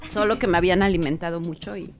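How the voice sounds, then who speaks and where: A woman's voice: fairly low pitch, fairly even intonation, quick pace, soft background music. A woman with a Mexican accent, a podcast co-host talking candidly and giggling in casual chat. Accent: Mexican Spanish.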